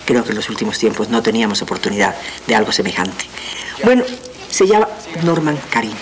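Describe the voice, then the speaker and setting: An older woman hosting a TV interview, chatty and lively, quick to jump in. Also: extremely low pitch, slight background noise, low-quality recording. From Colombia. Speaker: TV host.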